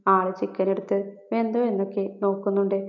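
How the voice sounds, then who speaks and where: A woman reads a love story aloud in a steady, level voice with little rise and fall. The sound is roomy and muffled. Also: medium pitch, brisk. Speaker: narrator.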